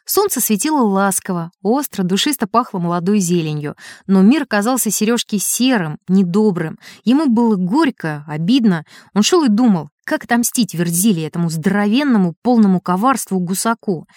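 Woman reading a kids story out loud, lively swoopy voice, dry close sound. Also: mid-range voice, normal speed, hardly any pauses, dry recording. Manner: expressive, animated reading. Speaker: narrator. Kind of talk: storybook narration.

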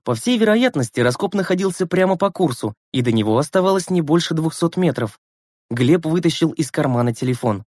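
Male audiobook narrator, expressive, slightly high-pitched, dry studio. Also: dry recording. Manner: measured, expressive storytelling. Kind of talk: scripted narration.

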